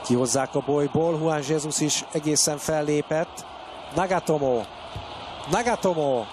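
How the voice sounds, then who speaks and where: A man with a Hungarian accent delivers excited sports commentary on a football match. His voice sits high for a man and readily breaks into shouts. Clear noise of an outdoor stadium runs behind him. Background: stadium ambience.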